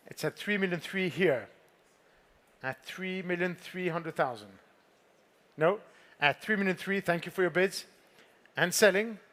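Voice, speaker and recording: A man with a high-pitched voice conducts a live sale as a fine art auctioneer. He calls out figures and repeats them in a formal, poised delivery, politely prompting bidders in the saleroom. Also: fairly bright tone.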